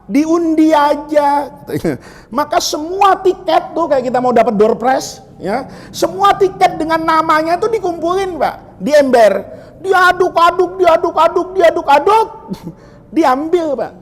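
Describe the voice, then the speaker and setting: A man's voice: very high-pitched, animated, unhurried. A man preaching a humorous sermon, telling stories and joking with his listeners. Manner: joking, storytelling, addressing listeners as "Pak". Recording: reverberant hall.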